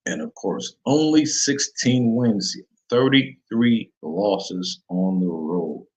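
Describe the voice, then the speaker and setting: A man's voice: fairly low pitch, lively intonation, slow pace, a little mellow. A man hosting a casual solo sports betting talk show, rambling in slang and often correcting himself. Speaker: sports betting podcast host. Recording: dull lo-fi recording.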